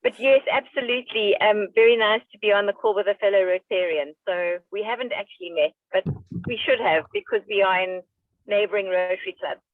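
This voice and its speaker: A woman's voice: mid-range voice, a little fast, dry recording. Woman joining a call from her car on speakerphone, narrow phone-like sound, dry, apologetic. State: driving. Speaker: call participant. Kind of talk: casual call.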